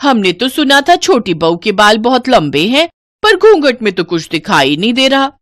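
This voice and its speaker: A woman voicing a loud, cheerful older hostess who draws out her words in welcome. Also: fairly high pitch, sing-song, moderate pace, no echo, clean studio sound, pitched above the performer's own voice. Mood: prying.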